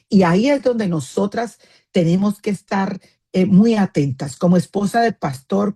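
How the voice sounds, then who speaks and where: A pastor's wife with a low-leaning, mellow, husky voice gives an earnest teaching talk to a group of women. Her firm tone can come across as scolding, and she uses many fillers along with "isn't that right?" asides.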